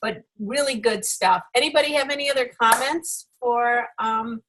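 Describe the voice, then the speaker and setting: A woman's voice: a little high, normal speed, a bit bright, a little hiss or hum, low-quality recording. A woman working as a public speaking coach, giving effusive, emphatic, encouraging feedback to a group on a video call.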